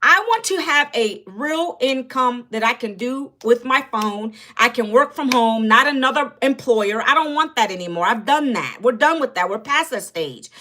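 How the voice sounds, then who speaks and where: This livestream host, a Northern Virginia woman in her fifties, has a high, bright voice with lively intonation and a forceful tone, moving at a moderate pace. She chats casually, speaking straight to viewers and reading their comments out loud.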